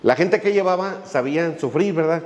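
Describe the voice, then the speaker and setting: Pastor guy preaching, kinda high voice, chatty with lots of "este", long church echo. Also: normal speed, darkish tone, highs cut off. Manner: folksy, many fillers, jokes while telling a story. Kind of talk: sermon with storytelling.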